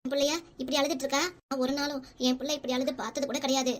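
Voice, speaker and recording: Lady voicing a protective cartoon grandma, scolds fast. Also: high-pitched, flat delivery, slight background noise, natural voice. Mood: scolding. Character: fussing elderly grandmother. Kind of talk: cartoon comedy voice acting.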